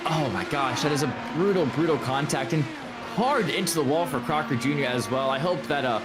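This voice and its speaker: A man's voice: a little high, brisk, loud music behind the voice. A man giving live motorsport commentary, analysing the race in an emphatic, opinionated way.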